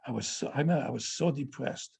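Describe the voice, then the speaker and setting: A French-born man in his eighties, a native French speaker, answers audience questions by sharing personal memories. His mid-range voice is warm and husky, and he speaks haltingly, often stopping to restart and filling gaps with "yeah".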